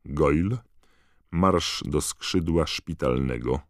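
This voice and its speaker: A man voicing a stern, venomous male teacher in an audiobook, speaking quietly and coldly. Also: rumbling low, big pitch swings, measured pace, no echo, clean studio sound, heavily acted. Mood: icy. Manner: quiet, icy, clipped.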